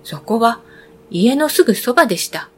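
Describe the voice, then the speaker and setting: A woman reading a fairy tale aloud for children, with clear, expressive storytelling. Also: on the high side, normal speed.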